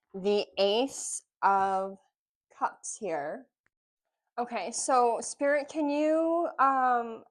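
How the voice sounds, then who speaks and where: A woman giving a casual intuitive tarot reading, musing aloud with pauses between phrases. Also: medium pitch. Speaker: tarot reader.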